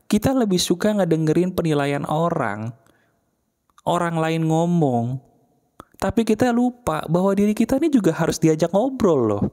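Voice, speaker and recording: A man's voice: a little high, expressive, moderate pace, a little mellow. A man giving a casual motivational talk, speaking straight to the listener with emphatic, colloquial phrasing and repeated rhetorical questions.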